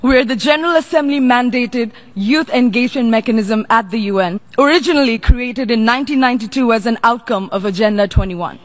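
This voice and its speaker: A young woman from Nepal serving as a youth representative delivers a formal prepared speech in a slightly high voice, measured and deliberate.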